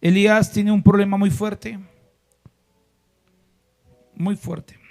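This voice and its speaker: A man's voice: high voice, flat delivery, takes it slowly, faint music behind. A male pastor preaching a sermon to a congregation, firing rhetorical questions and asking the listeners to repeat phrases after him. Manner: shifts between loud exhortation and hushed emphasis.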